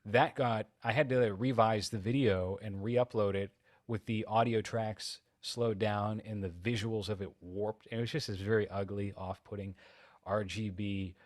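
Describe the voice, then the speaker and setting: A man's voice: fairly low pitch, steady tone, moderate pace, no room sound, clean studio sound. A man co-hosting a podcast in casual chat, blunt and rambling, swearing freely. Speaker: podcast co-host.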